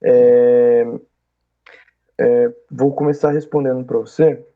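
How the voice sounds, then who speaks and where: A man's voice: mid-range voice, level tone, slow, narrow, tinny audio. A man acting as an oral exam examiner, giving patient, explanatory feedback and checking often that he is understood.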